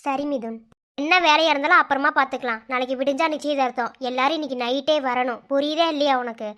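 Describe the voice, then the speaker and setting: A bossy middle-aged cartoon uncle, stern and impatient, as a woman puts him on, barking orders to get moving. The voice still sits very high for a grown man. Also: quick pace, a bit bright. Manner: scolding, hurrying others along. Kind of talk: cartoon voice acting.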